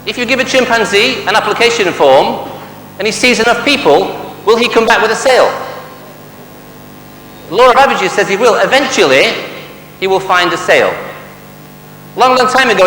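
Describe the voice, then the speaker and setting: A Mancunian man from Manchester, England, speaks in a high, sharp voice as a sales trainer delivering a motivational seminar, firing rhetorical questions and jokes at the audience. He's in a large hall before a live crowd, and the recording echoes with long reverb and a faint hum.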